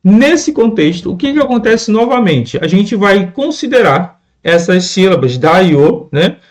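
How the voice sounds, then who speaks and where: A man's voice: high-pitched, sing-song, unhurried. A man teaching a lesson on scanning verse, patient and repetitive, often checking in with "né?". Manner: patient, repeats words and asks "né?" often. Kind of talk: classroom lesson explaining poetry scansion.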